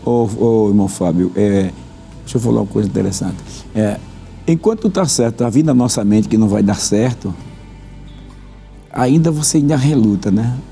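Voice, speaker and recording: A man's voice: lowish voice, normal speed, gravelly, long pauses, dark tone, soft background music. A man hosting a religious talk program as pastor, preaching fervently and repeating phrases for emphasis.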